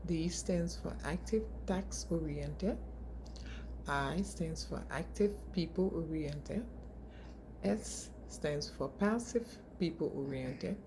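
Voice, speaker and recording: A woman's voice: low voice, slow pace, noisy background. A woman from Liberia in her forties, a graduate student reading a class presentation from slides with small restarts.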